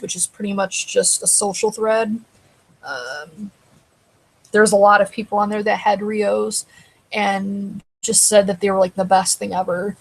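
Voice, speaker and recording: A woman with a medium-pitched voice hosts a relaxed live stream on a rough recording. She rambles conversationally, replies to chat comments, and her throat is starting to dry.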